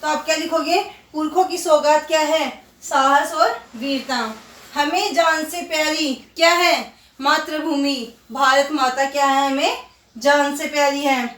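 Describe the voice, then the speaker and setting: A woman schoolteacher walks young pupils through a lesson, patiently drilling words and answering her own questions. Her voice sits high. She sounds set back from the mic in a roomy, echoing space. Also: fairly even intonation, a little slow, fairly bright tone, far from the mic. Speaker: primary school Hindi teacher. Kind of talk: recorded online class lesson.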